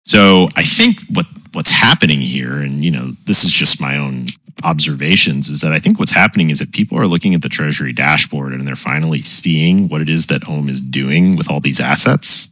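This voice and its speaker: A man talking through a voice changer that drags his voice down into an extremely low, synthetic register. The tone still comes through bright and forceful, and the sound is close and dry. He hosts a casual community call and explains things loosely, often checking in with "right?". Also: a little fast, few pauses, no room sound, poor audio. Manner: relaxed, explains with frequent "right?" and "you know". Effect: voice changer pitching the voice very deep. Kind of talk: casual chat.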